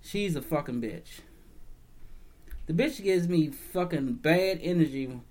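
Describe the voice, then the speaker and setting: A man's voice: a little high, expressive, slow pace, a little mellow. A young man, a store manager, telling a work story in a casual, profane, exasperated rant.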